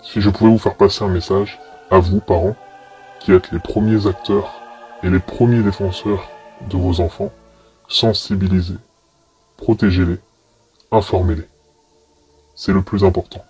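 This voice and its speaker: A man giving measured, earnest interview testimony as an investigator. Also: low-pitched, steady tone, a little mellow, soft background music. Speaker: anti-paedocrime investigator being interviewed.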